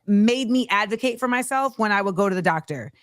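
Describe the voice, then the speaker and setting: A playful woman hosts a casual podcast interview and tosses in quick jokes. Her pitch is average for a woman, and her voice sounds dry and close on the studio mic in a small room. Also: expressive, dry recording. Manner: playful and joking. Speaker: podcast host. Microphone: studio mic on a boom arm.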